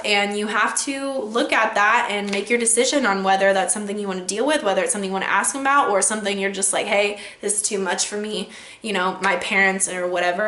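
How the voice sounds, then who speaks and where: A woman's voice: mid-range voice, a bit bright, reverberant. A young woman giving casual dating advice in a vlog, chatty and rambling with lots of fillers. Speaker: vlogger.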